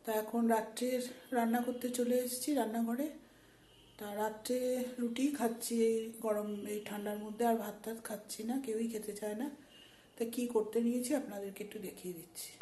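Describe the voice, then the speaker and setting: A woman's voice: fairly high pitch, flat delivery, brisk, warm tone. A woman with a sore throat, chatting homely in a casual cooking vlog from her home kitchen, explaining each step. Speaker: vlogger.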